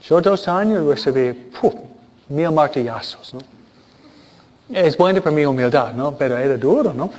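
A man who is a priest and teacher, giving an informal talk to a congregation in a halting way, restarting words and often ending points with questioning tags. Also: fairly high pitch, lively intonation, a little mellow. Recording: dull lo-fi recording.

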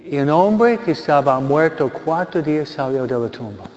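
A man, a priest, giving a funeral homily and retelling a story simply, with pauses. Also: fairly high pitch, animated, a little mellow, a little hiss or hum. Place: church. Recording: lo-fi recording in a reverberant church.

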